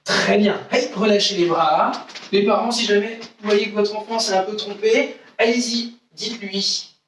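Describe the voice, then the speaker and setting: Male karate instructor leading children through drills, high voice, heard from off-mic in a very echoey room with faint noise. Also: fairly even intonation, moderate pace, a bit bright, far from the mic. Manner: counts out exercises, repeats "d'accord?". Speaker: karate teacher. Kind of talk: online kids' karate class.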